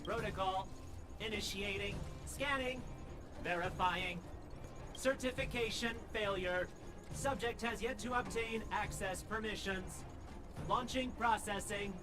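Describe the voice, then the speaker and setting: A man voicing a stiff robot scout in a game, speaking in flat, clipped machine tones. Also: high voice, unhurried. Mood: mechanical. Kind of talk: game voice acting. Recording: game audio with music.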